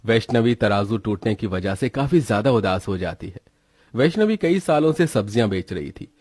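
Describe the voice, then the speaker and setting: A man narrating a story in a steady, scripted storytelling manner with a husky voice. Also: lowish voice, dry recording.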